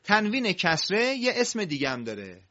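A man teaching recitation, explaining quickly and then drawing out example words slowly for students to repeat. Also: high-pitched, big pitch swings, sharp tone. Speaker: Quran reading teacher. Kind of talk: recitation lesson. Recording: muffled lo-fi audio.

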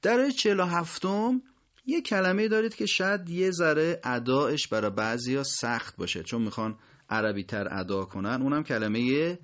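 A man teaching Quran recitation, explaining pronunciation and slowly modelling each word. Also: medium pitch, lively intonation, fairly bright tone, lo-fi sound. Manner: slow, drawn-out model pronunciations of words. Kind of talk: pronunciation lesson.

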